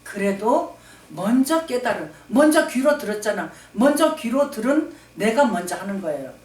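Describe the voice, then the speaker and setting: A woman's voice: a little high, sing-song, normal speed, a little mellow. A woman pastor preaching emphatically, repeating phrases for stress and calling for amens. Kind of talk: sermon. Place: church sanctuary. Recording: echoey hall, distant mic.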